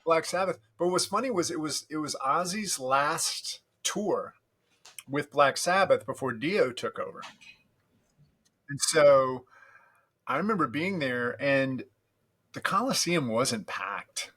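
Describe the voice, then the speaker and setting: Man, late 50s, podcast guest, sharp bright voice, dry self-mocking storyteller. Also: on the high side, lively intonation, takes it slowly, slightly rough. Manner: reminiscing, wry and self-deprecating. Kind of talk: casual chat.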